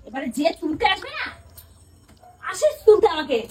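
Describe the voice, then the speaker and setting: A woman's voice: very high voice, sing-song, moderate pace, darkish tone. A woman grumbling and scolding in a whiny, sleepy voice during casual family banter. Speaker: family member being woken.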